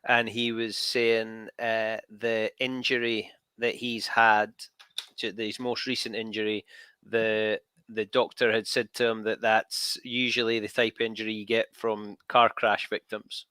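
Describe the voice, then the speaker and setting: A man's voice: lowish voice, flat delivery, measured pace, sharp tone, clear, resonant tone. A man hosting a casual rugby watchalong, chatty and gossipy, often restarting words. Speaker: host. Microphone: video call.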